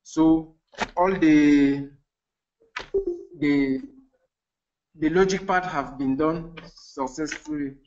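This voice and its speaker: A man who is not a native English speaker, demoing an app on a video call, his audio cutting out with uneven volume, speaking haltingly with repeated words. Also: a little high, fairly even intonation, darkish tone, lo-fi sound. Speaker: software contributor demoing an app. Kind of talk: narrated screen demo on a call.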